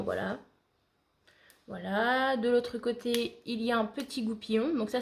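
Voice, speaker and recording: A woman's voice: on the high side, a little mellow. A woman giving a casual makeup tutorial, chatting to viewers like friends with frequent hesitations. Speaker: beauty vlogger.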